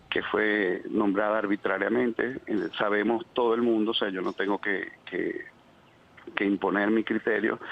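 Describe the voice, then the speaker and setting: A Venezuelan man with a Venezuelan Spanish accent speaks over a dull, lo-fi phone line with faint noise behind him. His voice sits low and gravelly, and he argues his point earnestly, pausing often with hesitations. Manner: earnest, argumentative, many hesitations. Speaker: phone guest, Venezuelan community representative. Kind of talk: phone interview answer. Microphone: telephone line.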